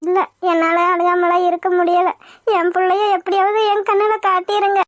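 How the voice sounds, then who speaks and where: A woman's voice: very high-pitched, completely flat delivery, moderate pace, no room sound, clean studio sound. Woman voicing Shanthi, a tearful grieving mother. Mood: pleading. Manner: sobbing, pleading. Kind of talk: cartoon voice acting.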